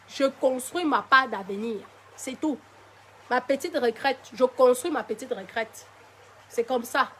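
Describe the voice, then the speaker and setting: A high-pitched woman with a Cameroonian French accent, tired, her voice not yet back to full strength. She talks straight to her live-stream viewers, defiant, and calls them by pet names. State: tired, voice still recovering. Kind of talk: casual live-stream monologue.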